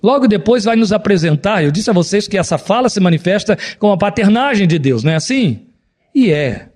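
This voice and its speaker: A middle-aged man, preaching a sermon as pastor, swinging between raised exclamations and low, solemn passages. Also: very animated, brisk, darkish tone.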